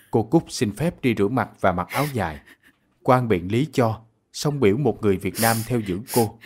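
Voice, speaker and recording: A man narrating a radio drama in an even storytelling manner. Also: lowish voice.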